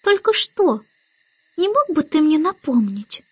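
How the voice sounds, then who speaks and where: A woman reading an audiobook and voicing a sleepy, petulant baby girl in a high, childish voice. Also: big pitch swings, a little slow, a little mellow, dry recording, dull audio. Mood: whiny.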